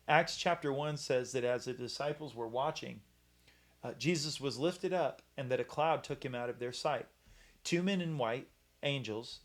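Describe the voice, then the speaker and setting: Halting man giving a Bible talk. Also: mid-range voice. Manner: halting, many fillers and restarts. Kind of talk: casual Bible teaching talk.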